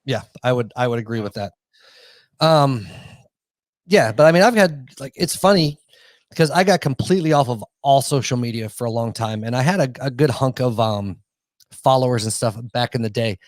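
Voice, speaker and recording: A man's voice: medium pitch, expressive, normal speed, dry recording. Rambling, swearing male podcast host, dry sound. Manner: rambling, profane, full of restarts and laughs. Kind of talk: casual podcast chat.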